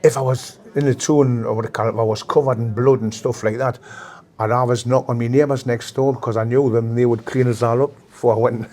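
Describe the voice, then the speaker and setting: Halting Geordie man reminiscing. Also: mid-range voice, steady tone, a little mellow. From Newcastle, England. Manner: halting, repeats phrases. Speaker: former gang member being interviewed. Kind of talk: reminiscing interview talk.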